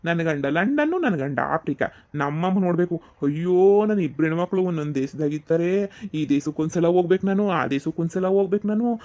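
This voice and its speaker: A man's voice: high voice, quick pace, dark tone, close to an everyday voice. A man playing a teasing village brother in a comedy skit. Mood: mocking. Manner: teasing, mocking sing-song. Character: mocking village brother, young adult man.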